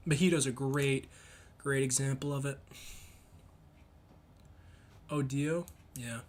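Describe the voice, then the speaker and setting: A young man chatting casually and emphatically in slang, thinking out loud as he rambles through his opinions. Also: mid-range voice, fairly even intonation, moderate pace. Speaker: solo commentator reading and reacting to comments. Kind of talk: casual rambling chat about comics and anime.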